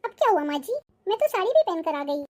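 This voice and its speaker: A woman's voice: extremely high pitch, big pitch swings, fast, a little mellow. A woman voicing a harried middle-aged mother-in-law in a cartoon, complaining and whiny. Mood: pleading. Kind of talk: cartoon voice acting.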